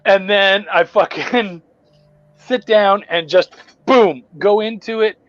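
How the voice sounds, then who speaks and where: A man's voice: high voice, slow, no echo, muffled recording, soft background music. A man, a comic book writer guesting on a podcast, telling a story in casual chat with lots of swearing and restarts. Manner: profane, rambling, animated retelling with restarts.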